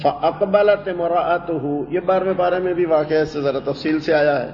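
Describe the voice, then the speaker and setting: A man giving a Quran translation lesson. He explains word meanings slowly and repeats phrases. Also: fairly high pitch, fairly even intonation, vocal fry. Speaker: teacher. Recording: dull echoey hall recording.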